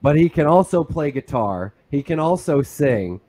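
A man's voice: on the high side, big pitch swings, moderate pace, dark tone. A man co-hosting a casual video call, enthusiastic, swearing and laughing as he talks. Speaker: co-host.

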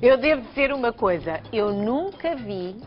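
On a bright studio kitchen set, a European Portuguese-accented TV host in her thirties chats teasingly with her guest during a live daytime cooking segment and plugs a phone contest. Her voice sits on the high side, expressive, at normal speed. Heavy background noise and music come through the dull broadcast sound.

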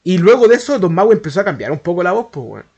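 A man's voice: high-pitched, big pitch swings, fast, creaky, a little mellow, slightly rough, highs cut off. A man with a Chilean accent telling a story in a casual, slangy, profane way that rambles along. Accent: Chilean Spanish. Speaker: YouTuber.

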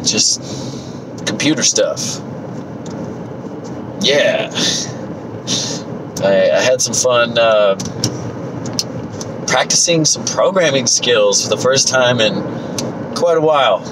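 A man's voice: medium pitch, takes it slowly, long pauses. A man in his thirties with a stuffy nose from a cold, chatting casually as a vlogger, his voice a little worn. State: getting over a cold, coughing, voice tiring. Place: inside a moving car. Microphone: phone mounted at arm's length. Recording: loud car road and vent noise.

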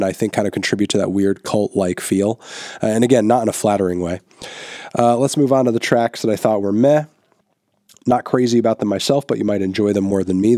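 A stuffy-nosed man in his thirties hosts a casual music review in a lowish voice, offering blunt opinions in a relaxed style with lots of filler words. He records dry on a large boom-mounted studio microphone in front of him, inside a small, newly set-up indoor room.

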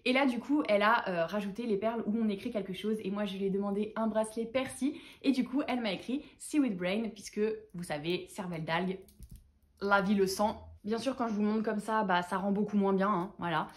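A woman's voice: medium pitch, a little fast. A woman chatting enthusiastically as a book vlogger, talking through her monthly reads and haul. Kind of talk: casual book haul chat.

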